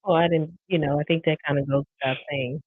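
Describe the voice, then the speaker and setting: A woman's voice: sits low, steady tone, quick pace, husky, dry recording. A woman co-hosting a live podcast, talking things through casually and reflectively, with lots of "you know" fillers. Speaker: podcast co-host. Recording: tinny phone-like dry sound.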